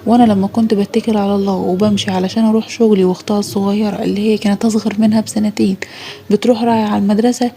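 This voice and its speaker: Fast, husky Egyptian woman storyteller. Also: medium pitch, mellow. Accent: Egyptian Arabic. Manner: confessional, dramatic retelling. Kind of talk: first-person audio story narration.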